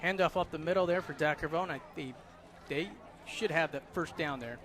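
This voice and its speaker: A man calling play-by-play for a local alumni football game, chatty and lively on big plays. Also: a little high, a little fast. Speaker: play-by-play announcer. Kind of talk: live local football commentary. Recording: noisy outdoor broadcast.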